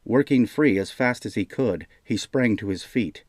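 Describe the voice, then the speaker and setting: A man narrates a fantasy novel in a steady, measured way, his voice sitting on the low side. The recording is dry and close, with no room sound at all. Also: dry recording. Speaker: audiobook narrator. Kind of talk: scripted narration.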